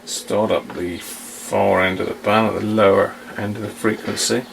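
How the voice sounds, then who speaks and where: With a gravelly, lowish voice and flat delivery at a moderate pace, a radio hobbyist hosts a casual video demonstration. He is hesitant, often trailing off into muttered asides, and the home recording has a faint background hiss.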